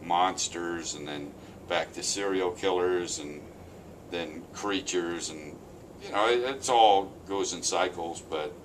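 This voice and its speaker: A man who works as an actor and stunt coordinator, speaking as a guest in a casual interview with calm, dry humor. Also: low-pitched, takes it slowly, slight background noise. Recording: slightly distant from mic.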